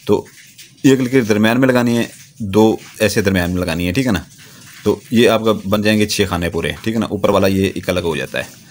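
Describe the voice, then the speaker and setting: A man teaching a ritual step by step in a steady, repetitive way, often checking that the listener is following. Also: lowish voice, brisk. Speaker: spiritual practitioner teaching a ritual. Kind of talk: step-by-step instruction.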